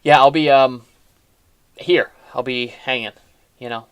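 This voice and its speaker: A man's voice: mid-range voice, steady tone, unhurried, clean tone, no echo, highs cut off. A man hosting a casual chat, talking in a chatty, rambling way with frequent restarts. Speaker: host.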